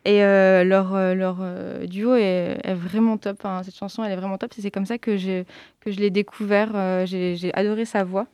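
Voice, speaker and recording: Woman guest, halting delivery with constant fillers, smooth resonant voice, dry close sound. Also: mid-range voice, level tone, darkish tone, no room sound. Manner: hesitant, many fillers. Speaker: radio guest. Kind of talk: casual interview talk.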